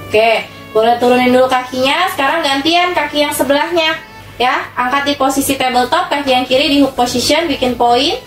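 A woman's voice: high voice, fairly quick. An Indonesian woman instructing an exercise class, cueing breaths and counting workout reps in short phrases. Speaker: fitness instructor for older adults. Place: small tiled indoor room at home. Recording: echoey room, distant mic, music behind.

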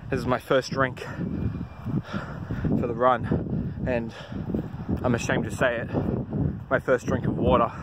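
A man's voice: medium pitch, flat delivery, a little slow, pauses often, heavy background noise. Crude, self-mocking man vlogging. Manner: profane, self-deprecating. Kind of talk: casual self-filmed vlog.

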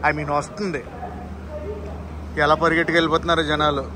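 A man's voice: on the high side, little pitch movement, brisk. A man narrating a casual train travel vlog, talking straight to his viewers and pointing out sights as he goes, recorded on a handheld phone. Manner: chatty, addresses viewers directly, points things out. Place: on a train and station platforms, outdoors. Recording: train and station noise behind.

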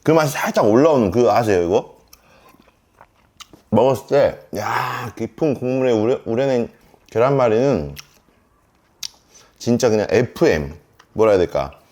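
A man's voice: medium pitch, animated, moderate pace, long pauses, darkish tone. A man in his thirties chatting to viewers at home while eating a delivery meal and drinking, in a casual mukbang vlog. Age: 30s. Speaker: mukbang vlogger.

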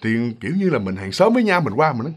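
A man with a Southern Vietnamese accent telling a ghost story in a casual, animated way, often addressing listeners directly. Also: on the high side, racing, slightly rough.

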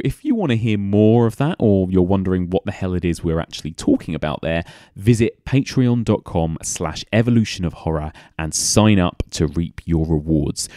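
Deep-voiced man hosting a podcast. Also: mellow, dry recording, studio quality. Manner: chatty, upbeat promo delivery. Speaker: podcast host. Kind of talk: casual podcast announcement.

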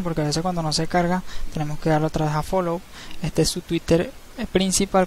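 A man narrating a screen-recorded tutorial, explaining each step in a relaxed, easygoing way and often checking in with the viewer. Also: fairly high pitch, a little hiss or hum. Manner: relaxed, step-by-step, frequent tag questions. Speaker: crypto channel host. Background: faint background music.

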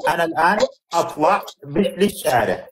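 A man with a slightly high voice talks fast and provocatively in a heated live-stream debate. He cuts in often and keeps urging the other speaker to calm down. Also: slight background noise.

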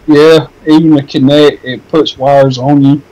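A man with a high-pitched voice joking over a game with a friend. He throws out crude one-liners and keeps repeating silly running gags. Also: little pitch movement, a little slow, a crowd in the background, poor audio. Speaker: co-player in a let's play. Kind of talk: casual gaming banter.

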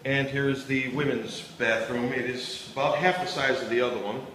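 Speaking at a moderate pace in a mid-range voice with fairly even intonation, a Chicago-accented contractor gives a casual walkthrough of a large unfinished factory bathroom. His explanation is matter-of-fact and full of fillers. Background noise and room echo come through the handheld phone recording.

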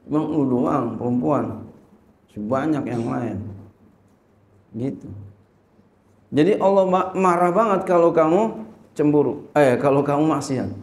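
A man's voice: mid-range voice, darkish tone, roomy sound. A male Islamic teacher teaching a religious lesson. He reads Arabic text, translates it and asks rhetorical questions.

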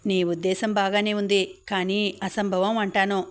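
A woman reading the lines of a calm, reserved young man in an audiobook, in a plain, measured delivery. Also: medium pitch, natural voice.

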